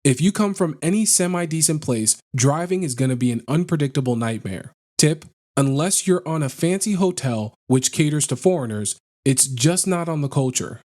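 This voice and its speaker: A man narrating online posts in a flat, list-like read-aloud delivery, as a scripted narration. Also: a little high, moderate pace.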